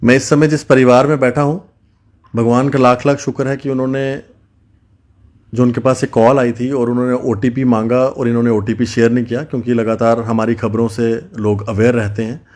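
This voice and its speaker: A man's voice: medium pitch, level tone, normal speed, darkish tone. Earnest male reporter. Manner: earnest, addresses viewers directly with appeals. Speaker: news reporter. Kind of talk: on-location news report and interview. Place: family home.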